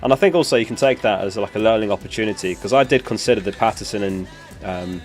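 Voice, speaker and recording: Soft music plays as a young man talks fast in a voice on the low side. He's hosting a live stream, casually chatting and replying to questions from chat while his lost voice recovers.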